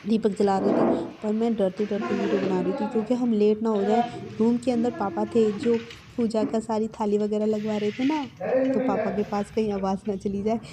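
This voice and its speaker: A woman's voice: mid-range voice, steady tone, moderate pace, crowd noise. A young woman narrating her family's festival day in a chatty, affectionate way, laughing now and then. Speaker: vlogger. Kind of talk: casual festival vlog narration.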